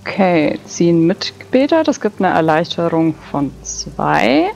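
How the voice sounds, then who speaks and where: A woman's voice: fairly low pitch, very animated, slow pace, gravelly, a little mellow. A woman narrating her character's actions and working through rules as a player in a tabletop role-play. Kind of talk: casual game narration and rules talk. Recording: dull lo-fi mic over background music.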